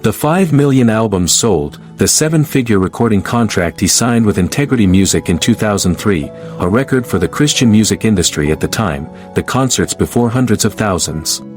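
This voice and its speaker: Man, lowish voice, scripted tribute narration, solemn and measured, faint background music. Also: animated.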